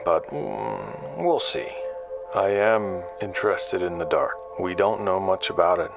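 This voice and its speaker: A man with a low voice narrates and plays the lead in a sci-fi audio drama, a wary, skeptical investigator who broadcasts in secret. His mood is weary and reflective, and his delivery halting, understated and conversational, across confessional narration and dialogue set against prominent background music.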